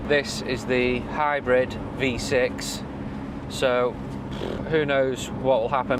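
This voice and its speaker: A British man with a mid-range voice speaks off the cuff as a car dealer hosting a vlog. He explains things in a matter-of-fact, reflective way. There is clear traffic and outdoor noise around his voice. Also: medium pitch. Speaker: car dealer and video host. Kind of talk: casual unscripted vlog commentary.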